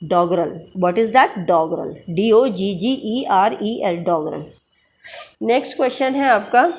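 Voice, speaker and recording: Give me a woman teacher, speaking slowly, who reads exam questions in English and explains them in Hindi. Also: medium pitch, darkish tone, a little hiss or hum. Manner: spells out terms letter by letter. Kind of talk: exam-prep lecture mixing Hindi and English.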